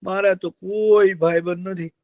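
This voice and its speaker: A man's voice: sits high, steady tone, measured pace, dark tone, no room sound, muffled recording, voice pushed up. A man voicing a crafty male fox in a children's story who fakes sobs and whines for sympathy. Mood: self-pitying. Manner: wailing, self-pitying. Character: sly sobbing male fox, scheming and whiny.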